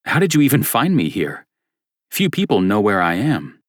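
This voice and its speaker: A man reading the part of a young priest in his early thirties, polite and measured. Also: fairly low pitch, wildly swooping pitch, dry recording, studio quality.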